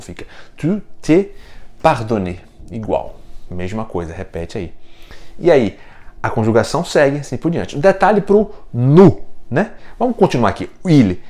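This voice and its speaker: Lively Brazilian man teaching casually. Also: on the low side. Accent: Brazilian Portuguese. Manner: chatty, explains step by step, jokes. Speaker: French teacher. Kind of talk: casual video lesson.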